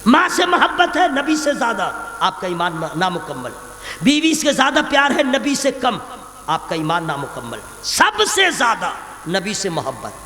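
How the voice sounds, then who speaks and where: High-voiced man preaching with loud shouts. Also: huge pitch swings, moderate pace, a little hiss or hum. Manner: swings from quiet talk to shouting, calls on the crowd to respond. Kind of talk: fiery sermon to a crowd. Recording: long reverb from a big echoey venue.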